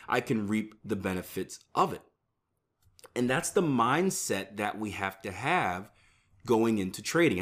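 A man in his early thirties teaches in an easy, conversational way, as if chatting with his audience. His voice sits a little low. He keeps tossing in "right?" to keep listeners with him. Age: 30s. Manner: conversational, repeats "right?" often. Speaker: trading educator. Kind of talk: casual talk to viewers.

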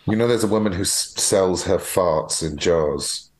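A man's voice: sits low, a little slow, a little hiss or hum. A man chatting casually on a podcast, asking wry questions and making self-deprecating remarks. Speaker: podcast co-guest. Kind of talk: casual chat.

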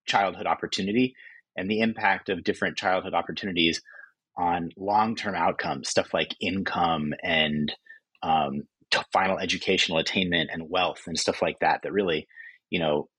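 Low husky-voiced male author, dry sound. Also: fairly even intonation, moderate pace, fairly bright tone, no echo, rough recording. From California. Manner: thoughtful, with frequent restarts and fillers. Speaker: author and guest. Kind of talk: interview answers.

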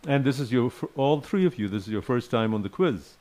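A male radio host keeps a relaxed chat going with his guests. He is affable and quick to affirm what they say, often with a laugh. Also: medium pitch.

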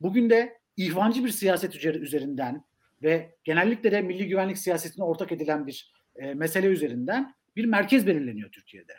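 A man's voice: sits high, lively intonation, quick pace. A man speaking as an academic guest in a political discussion, making points emphatically with rhetorical repetition. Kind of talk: political discussion on a live stream.

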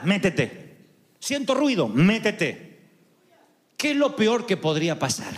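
High-voiced impassioned male preacher. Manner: impassioned, rising to shouted climaxes. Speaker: pastor. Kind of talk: sermon. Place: large church hall with congregation. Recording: long reverb of a large hall.

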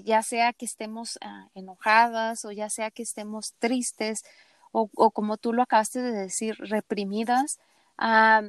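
A woman's voice: a little high, no room sound. Woman host asking rambling questions. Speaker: interviewer host. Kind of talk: casual interview questions.

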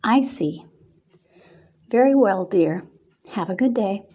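Lady playing a sweet knowing librarian lady, soft mellow breathy voice. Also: medium pitch, animated, slow pace, dull audio. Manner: calls people "dear". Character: polite, knowing woman librarian.

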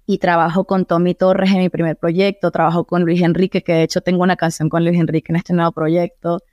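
A young Venezuelan woman from Caracas, a singer chatting as an interview guest, telling stories in a lively way and dropping English phrases into her Spanish. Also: fairly low pitch, a little fast, dry recording, lo-fi sound. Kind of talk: casual interview chat.

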